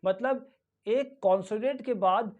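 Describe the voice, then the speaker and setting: A woman's voice: mid-range voice, narrow, tinny audio. A woman teaching English pronunciation with an Indian accent. She spells each word letter by letter and then repeats it carefully. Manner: spells words letter by letter, then repeats them slowly and clearly. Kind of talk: pronunciation lesson, mixing Hindi and English.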